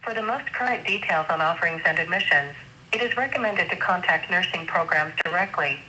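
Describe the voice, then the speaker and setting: A woman's voice: fairly low pitch, fairly quick. A woman's voice as an automated phone assistant, speaking formally and evenly over a phone line. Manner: even, formal, scripted delivery. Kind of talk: automated call menu and answers. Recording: dull phone line with faint hiss.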